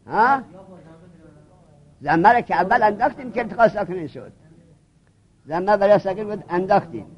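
A man with a high voice leads a grammar class, firing questions and making his students repeat each step. He pushes them to reason it out. The recording sounds dull and lo-fi. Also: animated. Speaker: teacher.

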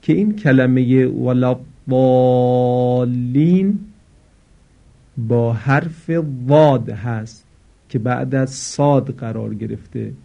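Male religious teacher, instructional lecture, mellow dark tone, careful stressed examples, lo-fi sound. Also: medium pitch, gravelly. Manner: explanatory, stresses example words with slow careful emphasis. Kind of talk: instructional talk on prayer recitation. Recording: slightly dull lo-fi recording.

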